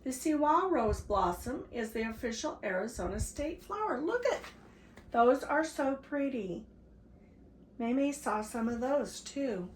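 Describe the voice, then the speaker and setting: Animated older woman telling kids a story. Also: sits high, a little slow. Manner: animated, asides to young listeners. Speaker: storyteller for her grandchildren. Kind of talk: read-aloud story time. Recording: roomy echo, faint background hiss.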